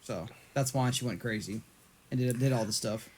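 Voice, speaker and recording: A man's voice: medium pitch, normal speed, a little mellow, a little hiss or hum. A man co-hosting a casual movie discussion podcast, rambling and often laughing. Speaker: podcast co-host.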